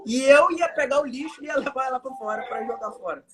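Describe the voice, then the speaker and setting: Speaking with an extremely high voice and a slightly fast pace, a young man from Manaus with a Brazilian Portuguese accent appears as a hypnotherapist guest in a casual live video-call chat. He explains his point through everyday stories. Music plays in the background.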